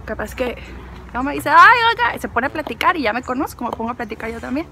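A woman's voice: on the high side, fast, a bit bright, a little hiss or hum. A woman with a Mexican accent vlogging casually while walking through an outdoor park, chatting playfully and rambling to herself and the camera.

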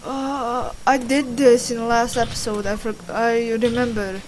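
A woman's voice: a little high, flat delivery, a little slow, a little hiss or hum, poor audio. A young woman doing casual gameplay commentary in a rambling, sweary, self-deprecating way. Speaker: gaming video host. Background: game music.

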